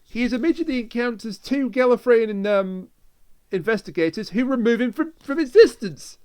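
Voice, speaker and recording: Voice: medium pitch, expressive, normal speed, a little mellow, clean tone. A podcast co-host in casual chat, eagerly explaining story details and trivia.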